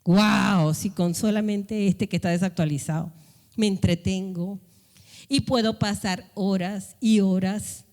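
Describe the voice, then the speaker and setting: A woman's voice: medium pitch, steady tone, a little slow, a little mellow. A woman pastor preaching a sermon in a church hall, pressing her listeners with rhetorical questions and sudden raised calls. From Latin America. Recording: long hall reverb.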